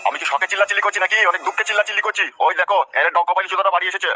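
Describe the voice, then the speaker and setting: A man's voice: high-pitched, fairly even intonation, lightly acted. An actor voicing a foul-mouthed middle-aged village father-in-law who rants and curses in a comic cartoon dub. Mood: ranting. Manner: rapid cursing rant.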